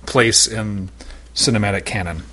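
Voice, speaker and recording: A man on a casual podcast panel with a husky, slightly low voice. He rambles and hesitates, filling gaps with ums and uhs as he thinks aloud. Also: normal speed, bright, forceful tone. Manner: rambling, hesitant, many fillers.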